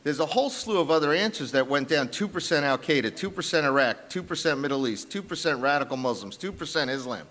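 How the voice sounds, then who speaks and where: A man's voice: on the high side, expressive, quick pace, hardly any pauses, a bit bright. New York man presenting polls, echoey hall. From New York, South Bronx. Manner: emphatic, punchy, with frequent restarts. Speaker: pollster on a conference panel. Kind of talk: panel presentation of poll numbers. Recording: long reverb of a large conference hall.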